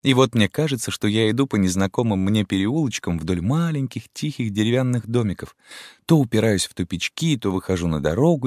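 A man reading an audiobook voices a sad young woman telling a dream, in a soft, wistful manner. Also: fairly low pitch, dry recording, studio quality, pitched above the performer's own voice, natural voice.

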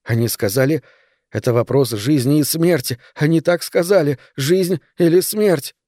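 Man voicing a terrified nine-year-old boy, shaky, pleading, higher than his own voice, dry close sound. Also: normal speed, warm tone, no echo, natural voice. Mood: shaken.

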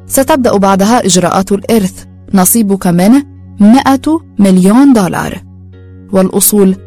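A woman narrating a story in a calm, steady reading voice. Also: medium pitch.

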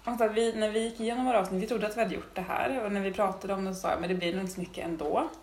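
A Swedish woman hosting a casual chat podcast, relaxed and hesitant with many fillers. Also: mid-range voice, slight background noise. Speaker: podcast host. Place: indoor room with rain outside. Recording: roomy room, rain on window.

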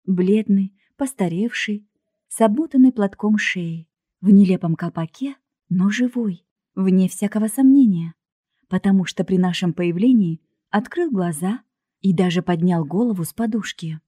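A woman reads a first-person story aloud with lively expression. Her tone is dark and mellow, and the recording is dry and close. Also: mid-range voice, moderate pace, slightly rough, dry recording. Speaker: audiobook narrator. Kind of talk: first-person audiobook narration.

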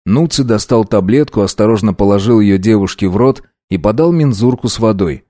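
Male audiobook narrator, low mellow voice, steady measured reading, dry close sound. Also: no room sound.

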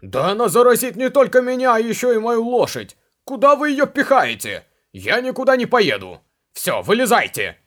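A man voicing a hysterical, frightened cart driver who shouts shrilly in an audiobook. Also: very high voice, big pitch swings, moderate pace, hardly any pauses, voice pushed up, full character voice. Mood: panicked.

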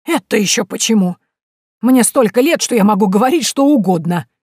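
A woman reading an audiobook voices a sharp-tongued, domineering old mother-in-law who scolds slowly and cuttingly. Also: mid-range voice, expressive, dry recording, clean studio sound, pitched above the performer's own voice, natural voice. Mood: scornful.

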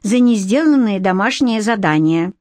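A woman narrating a children's fantasy audiobook, telling the story clearly and evenly. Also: medium pitch, animated, moderate pace, a little mellow, no room sound.

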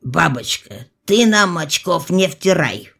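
A woman reading an audiobook and voicing a stern male medical assistant in a lower, grumbling voice. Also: very animated, takes it slowly, gravelly, fairly bright tone, full character voice.

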